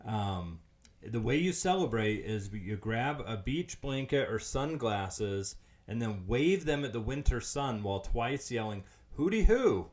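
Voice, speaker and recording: A man's voice: lowish voice, animated, measured pace. A man hosting a podcast, casually reading out facts with frequent hesitant ums. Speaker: podcast host.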